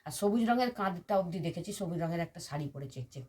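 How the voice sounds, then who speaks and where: This older woman, a temple devotee from West Bengal, India, gives an interview about her life in an earnest, detailed manner full of reported quotes. Her lowish, dark-toned voice is expressive and fast.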